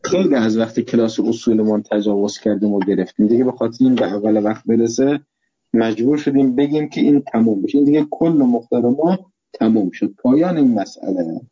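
A man with a very dark, husky voice teaches a seminary class on a dull, lo-fi recording. He dictates notes word by word in a slow, deliberate way and repeats key phrases. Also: mid-range voice.

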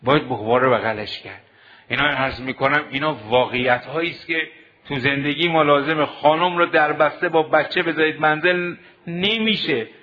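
A man preaching a sermon to seminary students, exhorting them with rhetorical questions. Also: a little high. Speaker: cleric teaching seminary students. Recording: dull lo-fi recording.

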